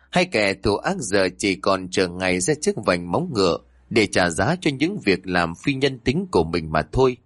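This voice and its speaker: A man narrating a ghost story in an expressive, dramatic way. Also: on the low side, dry recording, clean studio sound.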